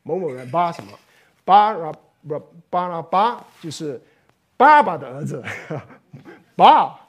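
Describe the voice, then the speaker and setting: Man, preacher, expository sermon, high-pitched, very lively intonation, repeats words. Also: takes it slowly. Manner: animated, acts out quoted voices, repeats words; drops to hushed low voice for emphasis.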